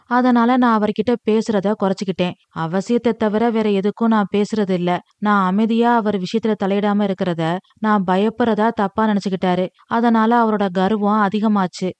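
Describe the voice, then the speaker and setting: A woman reading a storybook, voicing a grieving, humble middle-aged mother who speaks in a soft, sorrowful tone. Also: medium pitch, no room sound, close to an everyday voice.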